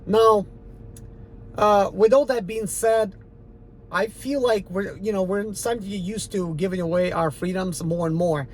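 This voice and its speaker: The recording is low quality, with a bit of background noise, as a rideshare driver from Ukraine talks a little slowly in a mid-range voice. He has an Eastern European accent from his former Soviet upbringing and addresses his channel in a loose, defiant ramble. His delivery is emphatic and filled with fillers.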